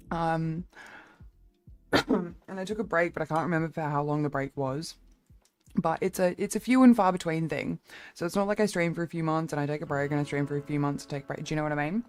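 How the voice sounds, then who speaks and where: Young woman chatting on stream, kinda low voice, swears a lot, rambles. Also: fairly quick, no echo. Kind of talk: casual stream chat.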